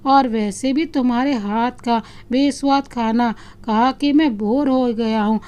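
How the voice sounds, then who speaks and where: A woman's voice: fairly high pitch, unhurried, warm tone, clear, resonant tone, close to an everyday voice. A woman voicing a loving, playful young husband who teases his wife affectionately, in a storybook reading. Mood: teasing. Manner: teasing, affectionate.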